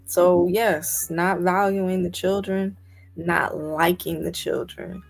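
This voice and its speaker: This podcast co-host has a low, gravelly voice that barely moves in pitch, and she speaks slowly. In a casual discussion she talks emphatically, firing off incredulous rhetorical questions, with faint music behind her.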